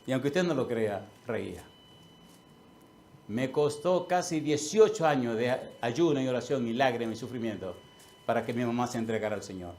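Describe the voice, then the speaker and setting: A man, a pastor preaching a sermon and telling a personal story, swinging from loud declarations to hushed asides. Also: medium pitch, brisk, slight background noise. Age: 60s.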